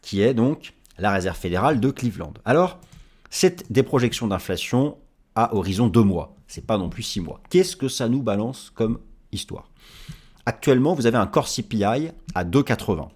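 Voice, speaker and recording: A man's voice: lowish voice, animated, moderate pace, a little mellow, slightly rough. A man giving market commentary as an analyst, explaining charts and speaking directly to viewers.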